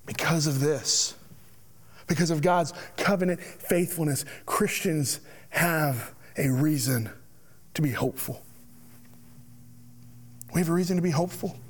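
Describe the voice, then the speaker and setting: A man preaching a sermon as pastor, slow and deliberate, sometimes dropping to a hushed near-whisper. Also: a little high.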